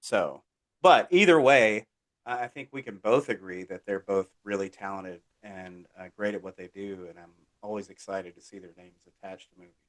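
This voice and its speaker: A man co-hosting a movie podcast, relaxed and agreeable in casual chat and the show outro. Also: lowish voice, normal speed. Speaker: podcast co-host.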